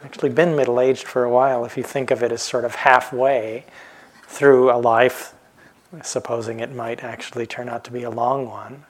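A man in his late fifties giving a calm, reflective dharma talk as a meditation teacher, pausing often and letting phrases trail off softly. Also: medium pitch. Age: 50s. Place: retreat center hall.

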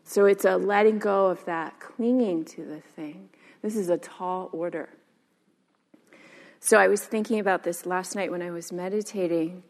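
A woman's voice: fairly low pitch, fairly even intonation, moderate pace, a little mellow. Chatty woman meditation teacher in a hall. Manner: casual, chatty, many fillers. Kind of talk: dharma talk. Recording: long hall reverb.

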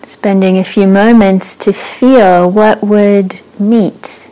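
A woman teaching a meditation class, guiding the practice in a slow, gentle way with long pauses. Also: mid-range voice, steady tone, low-quality recording. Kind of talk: guided meditation.

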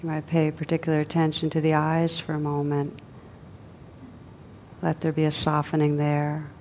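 Guiding listeners through meditation, this woman speaks in a low, gentle voice that barely rises or falls. Her phrases are separated by long, leisurely pauses, and a faint rumble and noise hum behind her.

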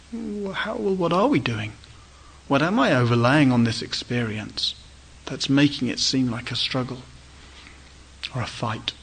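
A male meditation teacher giving a dharma talk at a retreat, speaking gently in short, inviting phrases with pauses. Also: mid-range voice, slight background noise, poor audio.

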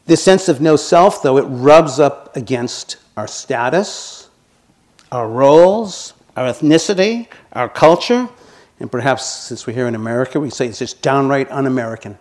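A man in his sixties giving a dharma talk as a meditation teacher, gently humorous and self-deprecating. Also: mid-range voice, normal speed. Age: 60s.

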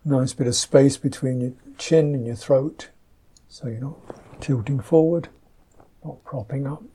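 Speaking softly and gently, a man leads a guided meditation in unhurried, halting phrases. His voice sits in the mid range and carries a slight huskiness.

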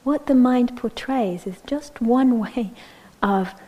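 A woman meditation teacher with a fairly high pitch gives a gentle, slow-paced dharma talk in lo-fi sound. She often checks in by saying "yeah?" and at moments speaks in a near-whisper.

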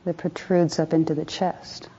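A meditation teacher with a low, mellow, husky voice leads a session at normal speed, speaking softly and calmly in short instructions spaced apart. The recording sounds slightly dull and muffled.

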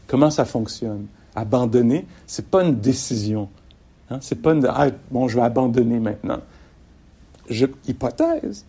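A man's voice: medium pitch, slightly rough. A middle-aged man giving a mindfulness dharma talk to an audience, often laughing and losing and finding his thread. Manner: warm-humored, laughs often, loses and finds his thread. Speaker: mindfulness meditation teacher.

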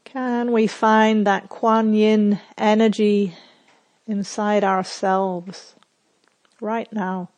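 Guiding a meditation, a woman with a medium-pitched voice moves at a very leisurely pace and a flat delivery. She's a meditation teacher who gives soft, short instructions separated by generous pauses.

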